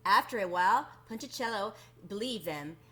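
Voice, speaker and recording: In a medium-pitched voice, a woman reads a children's picture book aloud. Her delivery is that of a storyteller, expressive and unhurried, with drawn-out emphasis.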